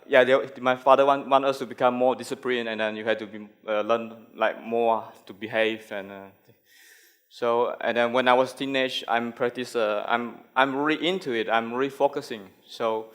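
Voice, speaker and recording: A man's voice: mid-range voice, fairly bright tone. Malaysian guy giving a design talk, stumbly, lots of uhs and restarts. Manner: halting, many fillers and restarts. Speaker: conference speaker, graphic designer. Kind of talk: conference talk.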